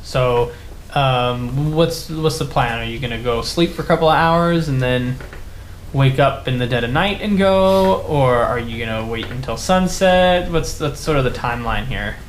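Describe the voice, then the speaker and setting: A male game master talks casually to his players, narrating the scene. His pitch is average. The room is echoey, with faint noise. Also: moderate pace. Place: room with other players around.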